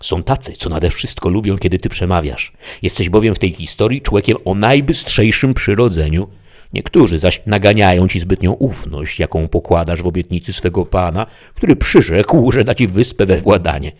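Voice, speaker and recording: Storybook scholar, male reader, polite and measured, low voice, lively phrasing. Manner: measured, explaining. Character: learned young scholar, polite and wry. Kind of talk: audiobook reading with voices.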